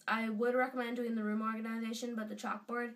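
Speaking fast with a level tone and a slightly high voice, a teenage girl records a casual fan vlog in her bedroom while stuffed up from a cold. She's chatty and gushing, leaning on lots of fillers, and the desk-distance webcam makes her sound far away.

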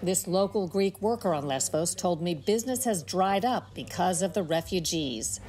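A woman reporter narrating a news report in a measured, matter-of-fact way. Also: on the low side, animated, background noise.

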